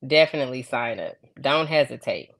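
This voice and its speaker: A woman guest instructor from Los Angeles, chatting casually, loose and relaxed, laughing easily. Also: a bass voice, brisk, a crowd in the background. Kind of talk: casual chat.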